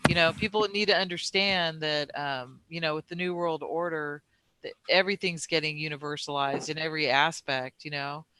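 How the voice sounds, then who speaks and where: A man's voice: on the high side, fairly even intonation, moderate pace, bright, forceful tone, clean tone, no echo. A man in casual conversation who rambles, with many fillers and restarts.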